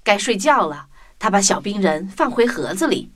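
A woman narrates a scripted children's story expressively, like a storyteller, in a mid-range voice at normal speed.

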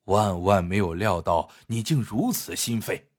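A man voicing a stern, cold older emperor who is also a grieving father, speaking slowly and heavily in a low voice. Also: animated. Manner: slow, heavy, low delivery.

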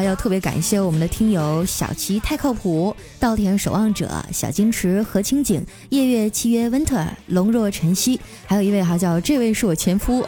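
Playful woman telling comic stories. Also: medium pitch. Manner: lively, playful with frequent drawn-out particles. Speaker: podcast host. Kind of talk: comic storytelling.

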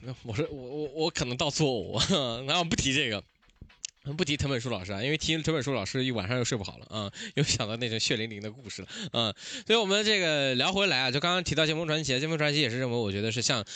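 A man's voice: mid-range voice, expressive, fast talker, pushed and bright, dry recording. A man co-hosting a casual podcast, talking in a hesitant, rambling way with many fillers. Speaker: podcast co-host.

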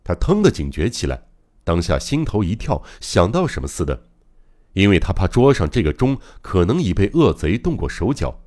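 A man's voice: sits low, sing-song, normal speed, darkish tone. A man narrating a mystery novel as an audiobook, in a dramatic, suspenseful reading. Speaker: audiobook reader.

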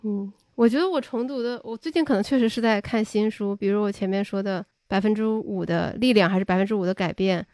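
A woman's voice: medium pitch, fast talker, hardly any pauses, darkish tone, no echo, clean studio sound. A woman hosting a podcast, chatting in a thoughtful, agreeable way. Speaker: podcast host. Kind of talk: casual conversation.

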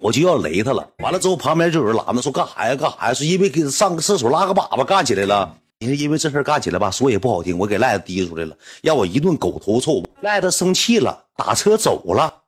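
A man with a Northeastern Chinese accent telling a comic personal anecdote in an animated, rambling, indignant way. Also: medium pitch, fast, husky. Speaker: storyteller.

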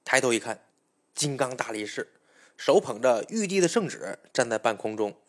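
A man's voice: medium pitch, very animated, moderate pace. A man telling a folk tale as a storyteller, chatty and speaking straight to the listener. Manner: chatty, addresses listener directly.

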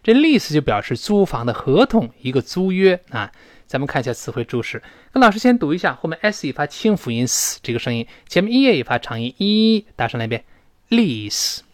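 A man teaching an English pronunciation lesson to Chinese learners, with a lively, swooping pitch and a voice pitched a little high. His native tongue is Chinese, and he stretches English words out slowly as models. The close recording sounds dry, with no room echo. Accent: Mandarin-speaking teacher.

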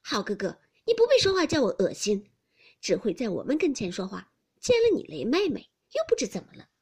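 A woman's voice: on the high side, huge pitch swings, a little mellow, slightly rough, full character voice. A woman voicing an outspoken, blunt teenage noble girl who teases and scolds. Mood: teasing, indignant. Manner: blunt, quick-tongued, scolding.

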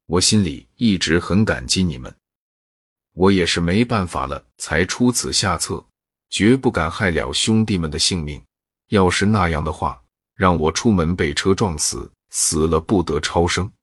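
A cunning, wheedling crook, as a narrator plays him, low-voiced and husky. Recorded dry and close as a storybook reading. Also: male voice, normal speed, dry recording. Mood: pleading. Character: cunning man, pleading then smug.

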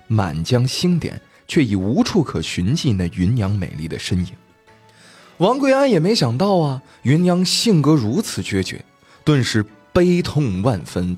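Male podcast storyteller, lively and colloquial, a slightly husky voice, soft music underneath. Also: medium pitch. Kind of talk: animated storytelling of folk tales.

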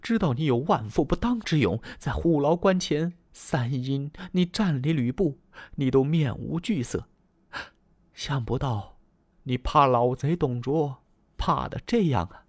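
A male storyteller voicing a young, beautiful woman who pleads tearfully in a raised, soft, weepy voice. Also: mid-range voice, animated, unhurried, no room sound, voice pushed up. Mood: reproachful.

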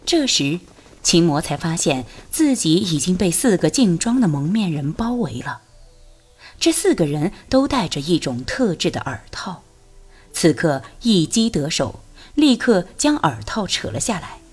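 A woman narrates a martial arts novel in an expressive storytelling manner. Her voice is low-set and breathy, and her intonation is lively and rises and falls freely. Faint music plays beneath her reading. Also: a little slow. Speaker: audiobook narrator.

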